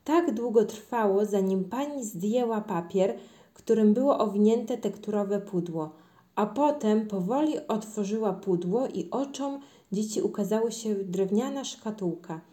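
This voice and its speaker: A woman's voice: mid-range voice, lively intonation, measured pace, dark tone. A woman reading a children's story aloud, lifting her voice for the children's lines.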